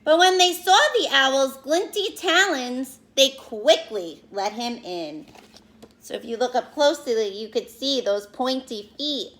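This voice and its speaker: With a high voice, a woman shares a picture book with young children, reading expressively in a teacherly manner. She pauses along the way to explain and ask questions.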